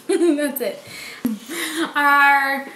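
A woman's voice: sits high, fairly even intonation, drawn-out words, pushed and bright, slight background noise. A woman in her twenties with a light Boston accent, chatting casually and playfully in slangy speech. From Boston area, United States. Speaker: vlogger reading out challenge questions. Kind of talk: casual chat. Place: small room at home, indoors. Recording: roomy home echo.

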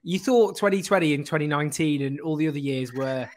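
A man, hosting a political interview over a video call, animated and full of joking asides. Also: on the high side, quick pace, a little hiss or hum. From northern England. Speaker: host. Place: small room indoors. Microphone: studio mic on a boom arm.

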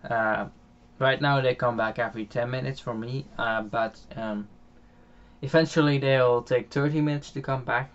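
With a steady, medium-pitched voice at a moderate pace, a young Dutch gaming channel host from the Netherlands rambles through casual gameplay at home, restarting often, using many fillers, and chuckling frequently. His home mic cuts off the highs.

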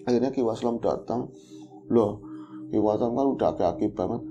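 A man telling a horror story in casual chat, animated and acting out the voices of the people in it. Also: on the low side, normal speed, dull audio, noisy background. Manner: animated, acts out quoted voices. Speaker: guest storyteller.

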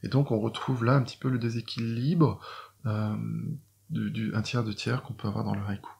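A man's voice: fairly low pitch, little pitch movement, moderate pace, gravelly, darkish tone. A middle-aged French man, a doctor and poet, explaining to viewers how he writes classic Chinese verse, hesitant with many fillers and restarts. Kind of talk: explaining poetry writing to viewers.

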